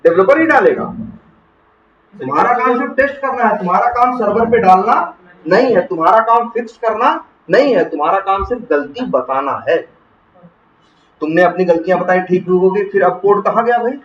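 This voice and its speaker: A man teaching software testing in to a class, asking questions and answering them himself. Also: sits high, lively intonation, a little fast, slight background noise. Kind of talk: classroom lecture. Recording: roomy, distant, muffled classroom recording.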